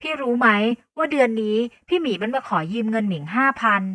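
A woman's voice: fairly high pitch, lively intonation, brisk, fairly bright tone, no echo, pitched above the performer's own voice. Blunt young sister, voiced by a woman. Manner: blunt, direct.

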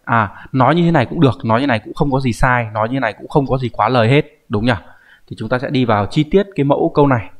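A man's voice: medium pitch, fast talker. A man teaching a grammar lesson, explaining patiently and often checking in with the viewer. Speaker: Japanese language teacher.

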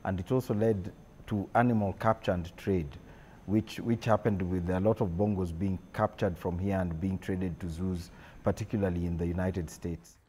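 A man giving a measured, halting expert explanation in an unscripted interview. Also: sits low, fairly even intonation, dark tone. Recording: noticeable ambient background noise.

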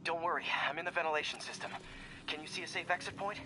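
An actor playing a protective, worried young male superhero in a video game, speaking tensely and often hushed. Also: fairly high pitch, quick pace, over music, close to an everyday voice, rough recording. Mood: hushed, focused. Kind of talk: dramatic video game acting.

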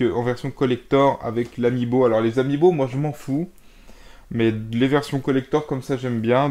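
A man's voice: mid-range voice, mellow. A young man showing off his game purchases to camera in a casual video, rambling with many fillers while he moves boxes around. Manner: rambling, hesitant, lots of fillers; moving around handling boxes while talking. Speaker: gaming vlogger. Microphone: camera mic.

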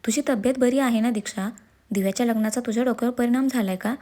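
Excitable young husband from a storybook, read by a woman, firing off raised, hurried questions in a mellow voice. He is quick-tempered and teasing. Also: fairly high pitch, natural voice. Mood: irritated. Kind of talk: storybook character reading.

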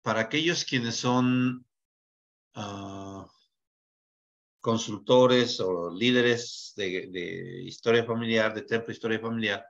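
A man's voice: fairly low pitch, fairly even intonation, slow, vocal fry, a bit bright. A man hosting an online class over a video call, courteous and thankful, pressed for time. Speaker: class host. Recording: slightly dull video-call audio.

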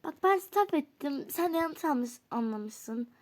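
A woman's voice: high voice, expressive, a little slow. A woman voicing a pleading teenage boy who keeps apologizing to his girlfriend in a doll role-play story.

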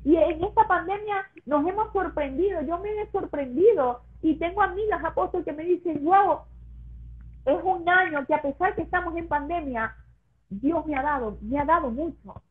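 A woman giving an emotional religious testimony to a pastor, her voice rising high when she is moved. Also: normal speed. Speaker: guest sharing her testimony. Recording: tinny phone-like line.

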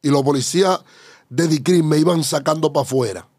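A man's voice: a little high, fairly quick, darkish tone, husky, no room sound, clean studio sound. A man with a Dominican accent fervently telling his personal testimony as a guest, often calling out to the host. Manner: fervent, keeps exclaiming about faith and addressing the host.

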